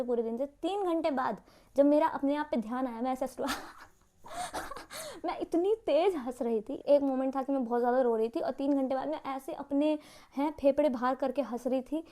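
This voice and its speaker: Fast, high-voiced young woman telling a story. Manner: animated, dramatic, self-mocking storytelling. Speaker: storytime vlogger. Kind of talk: casual storytime vlog.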